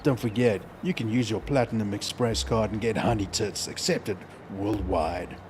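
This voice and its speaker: A man voicing a smooth, deep male radio ad announcer with a slow, mock-sincere sales pitch. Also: background noise, close to an everyday voice. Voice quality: low, slow announcer delivery.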